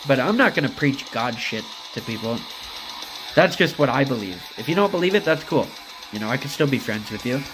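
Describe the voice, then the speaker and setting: A man's voice: medium pitch, expressive, a little fast, low-quality recording. A man chatting on a game stream, rambling and cursing as he answers his chat. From United States. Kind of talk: casual live-stream chat while gaming. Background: music.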